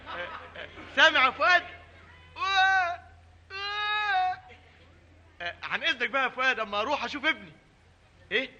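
An actor playing a lazy, greedy husband in a vintage radio comedy sketch, speaking with an Egyptian accent in a sly, joking way. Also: male voice, very high-pitched, dull audio, noisy background. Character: lazy, greedy husband always chasing free meals.

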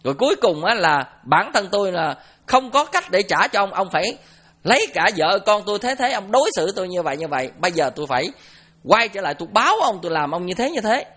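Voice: medium pitch, sing-song, fast talker, fairly bright tone, husky. Teacher doing an aggrieved vengeful son, southern vietnamese accent, grudging, storytelling sermon. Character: wronged son taking revenge, then sparing his father.

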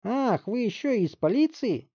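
A man voicing a loud, hot-tempered middle-aged housewife who screams and scolds in a shrill voice. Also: sing-song, normal speed, breathy edge, no echo, muffled recording, heavily acted. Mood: shrieking outrage. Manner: shrieking, scolding, outraged.

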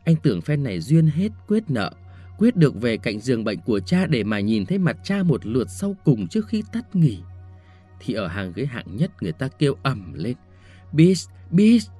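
Expressive male storyteller, mellow voice. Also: medium pitch, moderate pace, soft background music. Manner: expressive storytelling, shifting tone with the scene. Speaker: audiobook narrator. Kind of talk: scripted story narration.

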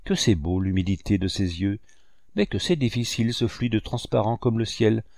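An ardent young male painter, earnest and tender, who lectures on light and pleads his heart, as a man reading the story plays him. His voice sits low and mellow. The sound is dry and close to the mic. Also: moderate pace, gravelly, no echo.

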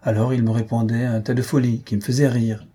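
A man reading aloud and voicing an earnest young woman who explains herself calmly. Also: medium pitch, a little fast, husky, close to an everyday voice. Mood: explaining. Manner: calm, explaining, a little amused.

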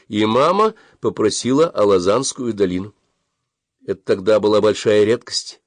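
A man reading a story aloud as an audiobook narrator, with an expressive storytelling delivery. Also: on the low side, no echo, studio quality.

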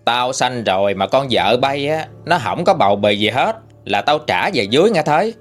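A stern old village matriarch, as a man puts her on, speaks in a bossy, blunt way with a Southern Vietnamese accent. Her voice stays near his own middle pitch but moves up and down with animation. Faint music plays behind the storytelling. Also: big pitch swings, moderate pace, natural voice. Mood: coaxing. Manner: bossy, blunt countryside speech. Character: stern, sharp-tongued old woman, family matriarch.

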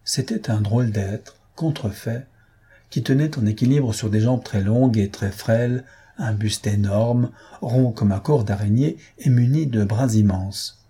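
Man reading a novel aloud, dark husky voice, steady. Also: mid-range voice, measured pace. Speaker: audiobook narrator. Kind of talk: scripted narration.

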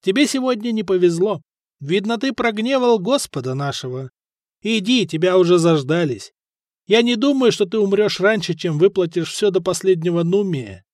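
A thin young man, voiced by a man in an audiobook, calm and lightly mocking. The voice sits high. The recording is dry. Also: normal speed, dry recording.

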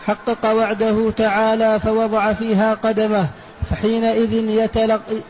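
A man with a high, very flat voice reading a religious text aloud in a steady recitation, sometimes stopping to restart a word. It sounds like a muffled old lecture tape with a faint hiss.

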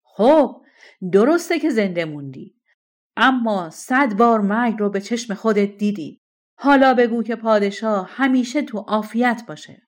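A woman voicing an angry, stubborn king who talks loudly, in a storybook reading. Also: mid-range voice, lively intonation, lightly acted. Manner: loud, shouting commands.

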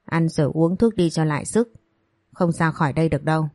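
A brutish male guard, as a woman reader puts him on, curt and coldly threatening. His lines come quick and low. The read is dark-toned and dry. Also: no echo. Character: cold, thuggish male guard.

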